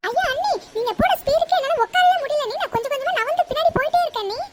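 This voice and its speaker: A jittery, whiny cartoon sister-in-law, played by a woman pleads in a very high, squeaky voice. Her lines come fast and breathless. Loud noise and clicks run under the recording. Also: lively intonation. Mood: pleading. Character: Radhika, fearful sister-in-law passenger. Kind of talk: cartoon voice acting.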